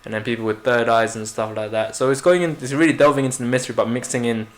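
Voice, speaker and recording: A man's voice: medium pitch, steady tone, quick pace. A man with a London accent, chatting casually and rambling on a podcast, slangy and full of fillers. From Philippines. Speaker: podcast co-host. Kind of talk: casual chat.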